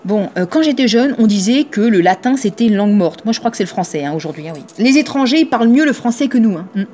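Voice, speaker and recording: Woman, thirties, shop owner vlogging to camera; slightly high, chatty, teasing, mimics quoted voices. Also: lively intonation, fast, warm tone, a little hiss or hum. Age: 30s. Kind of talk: casual monologue to camera.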